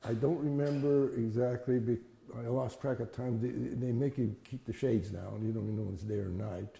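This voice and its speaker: An older man telling childhood memories in a plain-spoken, folksy, halting interview style. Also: medium pitch, fairly even intonation, vocal fry, dark tone. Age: older, 70s or above. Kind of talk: conversational oral-history storytelling. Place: reverberant indoor room. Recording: echoey room with long reverb.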